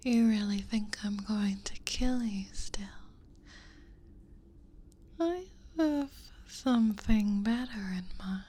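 A woman voicing a hungry, possessive female dragon in a whispered audio roleplay, slow and predatory. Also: medium pitch, warm tone, husky. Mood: possessive teasing.

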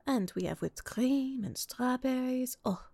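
A tender middle-aged woman, as a woman acts her out speaks to the listener in an unhurried, soft hush. Her voice is husky and breathy, with a pampering, teasing warmth. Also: sits high, no room sound, exaggerated voice. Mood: affectionate. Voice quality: soft, breathy, half-whispered. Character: doting middle-aged French woman, affectionate roommate and mother. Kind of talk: audio roleplay to the listener.

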